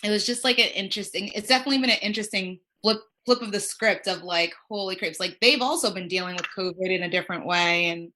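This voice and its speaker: Speaking fast with barely a pause, a woman with a mid-range voice chats loosely on a podcast about her job as a child life specialist. Her talk wanders, is packed with "like," and includes vivid imitations of people she quotes.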